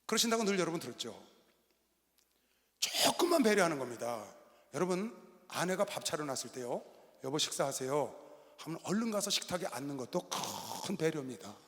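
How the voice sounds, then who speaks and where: Animated male pastor in a reverberant arena. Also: fairly high pitch, fairly quick. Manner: animated storytelling, bursts of shouting. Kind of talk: sermon. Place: large arena hall. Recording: long reverb of a large arena hall.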